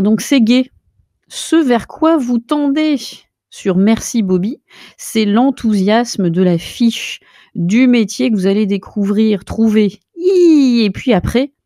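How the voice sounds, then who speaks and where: A woman's voice: medium pitch, mellow, no room sound, studio quality. A woman giving a pompous mock-academic lecture, piling up lofty jargon and getting carried away. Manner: lecturing the viewer directly. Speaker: self-styled linguistics researcher. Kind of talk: mock-academic comic monologue.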